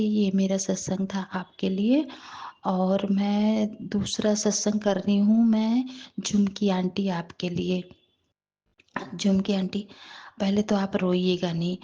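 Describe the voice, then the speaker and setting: A woman giving a tender devotional talk to her listeners, in a rough, worn voice that often slips into a whisper. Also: medium pitch, little pitch movement, takes it slowly, mellow, lo-fi sound. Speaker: devotional satsang speaker.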